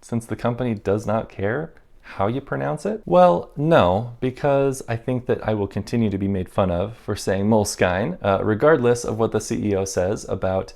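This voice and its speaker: A man's voice: on the low side, normal speed, gravelly, hardly any pauses, darkish tone. A man vlogging casually about stationery with a wry, self-mocking manner. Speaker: stationery YouTuber. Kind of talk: casual vlog talk.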